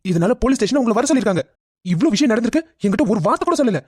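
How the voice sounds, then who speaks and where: A woman's voice: on the high side, very animated, darkish tone, slightly rough, no echo. A woman voicing an angry young son who confronts his mother in a cartoon family drama. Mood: accusing. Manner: demanding, rapid questioning.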